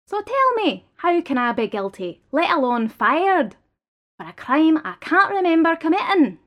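A woman's voice: very high voice, big pitch swings, unhurried, fairly bright tone, voice pushed up, full character voice. A woman reading the lines of an indignant male worker in an audiobook, pressing and insistent. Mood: incredulous. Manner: pleading, raised and insistent.

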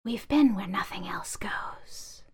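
A woman voicing a crowd of discarded plastic bags in a breathy, eerie whisper. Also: medium pitch, lively intonation, slow, a little mellow, heavily acted. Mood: eerie hushed.

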